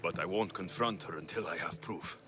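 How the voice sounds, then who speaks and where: An actor playing Alexios, a steady mercenary hero. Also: male voice, low-pitched, fairly quick, background noise, lightly acted. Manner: calm, direct. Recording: game cutscene with music.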